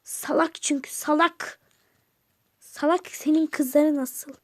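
Woman plays a cold scornful mother in a toy-game story, snappish and insulting, very high voice. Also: fairly even intonation, takes it slowly, no echo. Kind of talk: toy game role-play voice-over.

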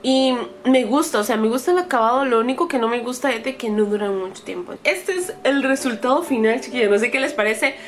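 A woman's voice: fairly high pitch, lively intonation, brisk, hardly any pauses. A woman in her thirties chatting to her viewers while trying on makeup, often stopping to correct herself. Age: 30s. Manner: chatty, self-correcting, talks straight to viewers. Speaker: beauty vlogger. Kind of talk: casual makeup try-on chat to camera.

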